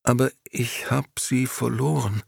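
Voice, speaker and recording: A man voicing a little girl who is frozen and barely conscious, speaking weakly and haltingly. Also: medium pitch, steady tone, gravelly, slightly rough, no echo, clean studio sound, pitched above the performer's own voice, full character voice. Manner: weak, faltering, halting.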